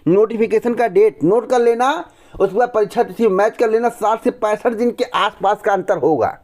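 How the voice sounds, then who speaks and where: High-voiced man giving emphatic news commentary. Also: a little mellow. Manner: emphatic, argues with rhetorical questions. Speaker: exam news channel host. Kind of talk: direct-to-camera news commentary.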